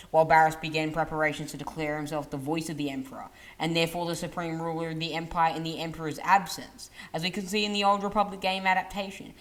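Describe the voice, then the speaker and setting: A woman narrating a lore video from a script, leaning hard on dramatic phrases, with small restarts. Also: deep voice.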